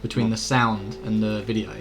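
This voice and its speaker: A British man live-streams a video game, chatting to viewers in a loose, rambling, informal way with some mild swearing. His lowish voice has little pitch movement, a normal speed, and a fairly bright tone, over soft background music and faint game ambience.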